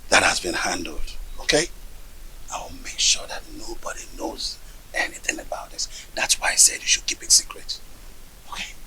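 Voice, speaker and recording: A man playing a scheming secret lover who talks in a hushed, conspiratorial whisper and chuckles slyly. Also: rumbling low, huge pitch swings, slow, gravelly, long pauses, exaggerated voice, low-quality recording. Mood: reassuring. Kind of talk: film drama acting.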